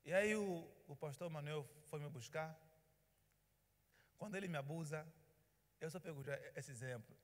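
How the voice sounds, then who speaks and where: A man's voice: fairly high pitch, moderate pace, pauses often. A male pastor, telling a story in a sermon and acting out the dialogue. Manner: animated storyteller, acts out dialogue. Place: church hall. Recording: reverberant church hall.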